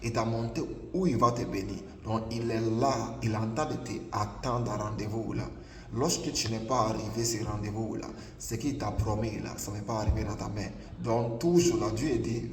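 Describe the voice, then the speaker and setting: In an echoey hall, a Ghanaian prophet with English as his mother tongue hammers home an emphatic, repetitive online sermon full of the filler "là." His voice sits on the low side. A distant mic picks up faint ambience and slight background noise.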